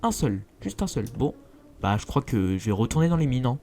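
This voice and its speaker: A man's voice: medium pitch, very animated, a little fast, dark tone, slight background noise. A young man, chatting casually to viewers while playing a survival game, self-mocking and talkative. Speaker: gaming youtuber. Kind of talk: casual let's play commentary.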